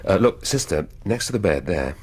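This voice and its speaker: An actor playing a middle-aged English police inspector in a radio drama, wry, pedantic and a little hesitant. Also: male voice, sits low, animated, moderate pace, darkish tone, husky. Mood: awkward, coaxing. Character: male police inspector in hospital, wry, pedantic, distracted, flirtatious.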